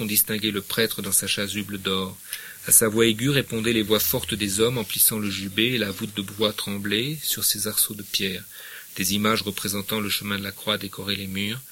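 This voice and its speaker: A man's voice: lowish voice, normal speed, slight background noise. A middle-aged man giving a literature lecture, reading passages expressively and adding hesitant remarks. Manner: expressive reading, hesitant fillers when commenting.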